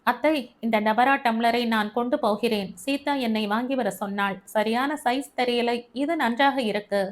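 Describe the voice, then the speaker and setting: A woman voicing a kindly young male cousin who teases gently, in a storybook reading. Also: very high voice, normal speed. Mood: soothing teasing. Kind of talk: storybook narration.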